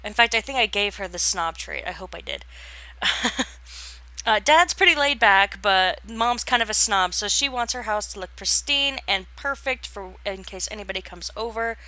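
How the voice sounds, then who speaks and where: A woman's voice: medium pitch, animated, normal speed, pushed and bright, no room sound. A young woman giving casual, rambling voice-over commentary on a game build, full of fillers and restarts. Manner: yawns and laughs while talking. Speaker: gaming channel host.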